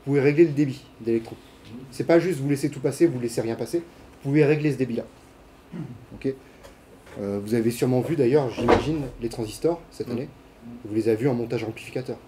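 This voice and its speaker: A man lectures to a class in a relaxed, chatty way. He stops often with fillers and restarts, and he puts questions to the students. His voice is mellow, with faint noise behind it. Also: medium pitch, fast talker. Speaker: university lecturer. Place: lecture hall.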